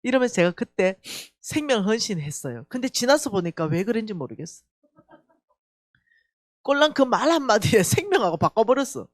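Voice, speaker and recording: A woman with a Gyeongsang Korean accent giving an emotional revival testimony, telling her story in an animated way and acting out the dialogue. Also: on the high side, moderate pace, no echo, studio quality. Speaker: church staff member giving testimony.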